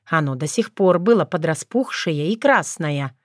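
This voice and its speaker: Lady reading a storybook, calm and expressive, dead dry booth sound. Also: low-pitched, moderate pace, no echo. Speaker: audiobook narrator. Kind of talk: scripted narration.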